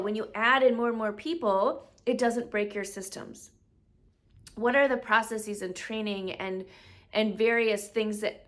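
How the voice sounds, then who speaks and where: A woman's voice: medium pitch, a bit bright. A woman hosting a solo business podcast, talking conversationally and checking in with rhetorical questions like "right?", now and then acting out customers' voices in quoted asides. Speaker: podcast host, business coach.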